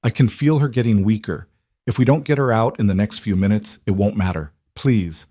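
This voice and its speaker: A man as a gentle exhausted giant. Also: fairly low pitch, brisk, dry recording, clean studio sound, close to an everyday voice. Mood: desperate. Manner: gentle, steady reassurance.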